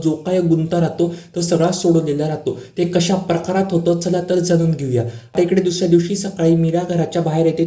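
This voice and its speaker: A man's voice: a little high, dark tone. A man casually recapping the latest episode of a TV serial, often turning to address the viewers and repeating stock words. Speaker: TV serial update narrator. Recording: roomy echo.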